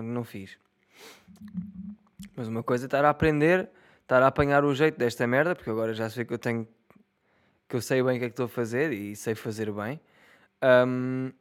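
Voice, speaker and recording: A man's voice: medium pitch, fairly bright tone, clean tone. A young man in his twenties with a European Portuguese accent, rambling and joking in a casual solo monologue, swearing freely and laughing at his own jokes. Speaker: solo podcaster.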